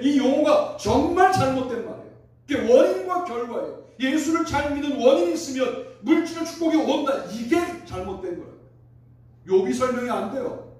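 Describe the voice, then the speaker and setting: A man preaching a sermon in a very high voice, posing question after question to the congregation. His voice rings through a big, echoey church hall, picked up from some distance. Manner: preaching with rhetorical questions, animated. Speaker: pastor. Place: church sanctuary.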